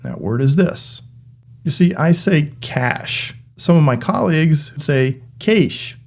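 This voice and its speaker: A man recording an online tech course lesson, explaining clearly and evenly with a touch of dry humor. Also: fairly high pitch, normal speed, darkish tone. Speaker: course instructor.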